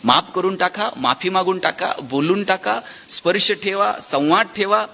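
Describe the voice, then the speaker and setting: A man gives a motivational lecture in a high, bright voice. He tells stories animatedly, voicing the people in them and swinging between loud exclamations and hushed asides. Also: normal speed, creaky. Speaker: motivational speaker. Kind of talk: public lecture with storytelling.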